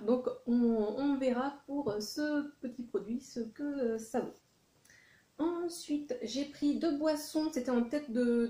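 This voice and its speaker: A woman's voice: a little high, dark tone. A woman chatting casually through a shopping haul, with many fillers and self-corrections. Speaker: vlogger. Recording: echoey room.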